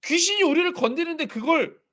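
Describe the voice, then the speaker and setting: A man's voice: very high-pitched, lively intonation, fast, bright, forceful tone. A man preaching a sermon as pastor, animatedly acting out quoted voices.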